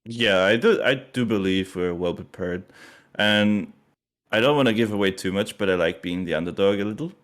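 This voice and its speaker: A man's voice: fairly low pitch, normal speed, a bit bright. A man interviewed as a team commander, upbeat and eager, rambling a bit. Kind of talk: casual interview.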